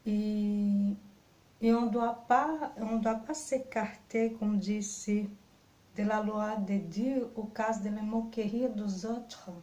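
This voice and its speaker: A woman with a non-native French accent reads scripture and then reflects on it as a Bible teacher. She speaks with careful phrasing and pauses. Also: medium pitch, fairly even intonation, dark tone, reverberant, dull audio. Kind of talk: scripture reading and devotional reflection.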